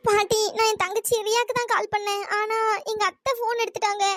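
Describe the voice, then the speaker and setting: A woman's voice: very high voice, level tone, a little fast, a bit bright, no room sound, studio quality. A woman voicing a timid young woman in a cartoon story who pleads and apologizes fearfully.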